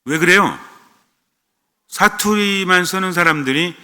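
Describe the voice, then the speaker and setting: Priest guy w/ seoul-style accent, chatty sermon, asks the crowd stuff, super bright voice. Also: sits high, a little slow, clear, resonant tone. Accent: standard Seoul-style Korean. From Gyeonggi Province, Korea. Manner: conversational, asks the congregation questions. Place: church. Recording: long church reverb.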